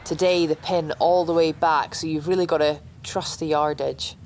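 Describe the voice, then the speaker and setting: A woman's voice: low-pitched, steady tone, moderate pace, a little mellow, a little hiss or hum. A woman giving golf commentary as an on-course reporter, explaining the shot in a matter-of-fact way.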